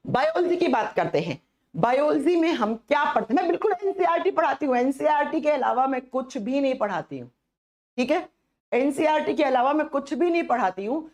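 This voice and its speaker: A woman teacher with a sore, hoarse throat, giving a live online science lesson and repeating her questions to the students. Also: high voice, lively intonation, fairly quick, darkish tone.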